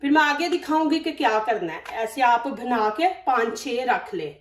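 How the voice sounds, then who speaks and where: A cooking channel host with a Pakistani Urdu accent demonstrates a recipe in her home kitchen, chatty and instructive, often dropping religious phrases. Her voice is on the high side and expressive, at a moderate pace. The mic sits far away, so the sound is roomy.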